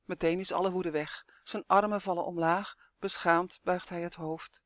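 An expressive narrator reading a children's story aloud, the delivery rising and falling with the drama of the tale. The voice sits in a middle pitch and sounds close and dry, with no room echo. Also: normal speed.

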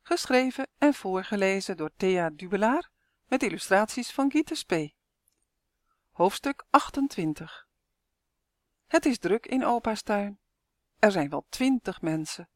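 A woman author reading her own children's storybook aloud, clear and expressive. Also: medium pitch, unhurried, pauses often, no room sound. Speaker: author and narrator.

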